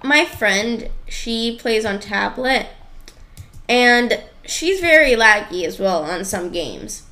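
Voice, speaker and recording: A woman's voice: on the high side, lively intonation, slow, bright, forceful tone. A young woman hosting a casual gaming video, playful and sarcastic, chatting to her viewers as she plays. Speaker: channel host and gamer.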